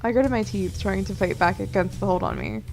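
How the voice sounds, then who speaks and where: A woman's voice: mid-range voice, a little fast, creaky, a little mellow, faint music behind. A young woman reading a visual novel aloud with playful, giggly commentary and the occasional swear. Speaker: let's play host.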